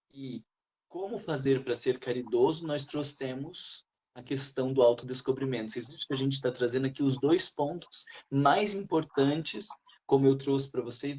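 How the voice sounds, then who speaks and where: A man's voice: medium pitch, breathy edge. A man leading a spiritual study group, talking in an earnest, reflective way and putting questions to the group.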